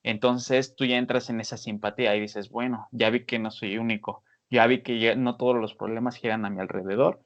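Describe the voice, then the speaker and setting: A man giving casual advice on a podcast, animated, with many fillers. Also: medium pitch, a little fast, few pauses. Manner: animated, many fillers, acts out scolding voices. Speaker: podcast panelist. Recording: dull lo-fi sound.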